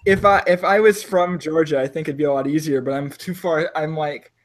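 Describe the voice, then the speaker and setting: With a fairly high pitch, a steady tone, and a slightly fast pace, a South Florida man without an accent acts as game master for a tabletop game. His talk is chatty and casual, littered with fillers, "like," and restarts.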